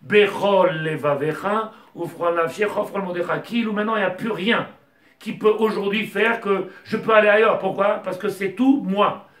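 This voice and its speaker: A man leads a Torah lesson in an impassioned way, often pushing his high voice toward a shout. He sits some distance from the mic. The room rings with echo. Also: moderate pace. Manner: impassioned, rises to near-shouting, mixes Hebrew terms. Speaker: rabbi teacher.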